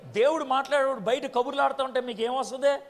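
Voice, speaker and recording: High-pitched preacher in a reverberant hall. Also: male voice, steady tone, fast talker. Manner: rhetorical questions to the congregation, scolding. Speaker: pastor. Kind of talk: sermon.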